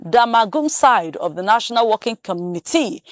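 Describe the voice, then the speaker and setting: A woman's voice: on the high side, no echo. Nigerian woman reading Pidgin headlines. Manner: brisk, animated headline reading with emphatic rises. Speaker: newspaper review presenter. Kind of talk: Pidgin news headline review.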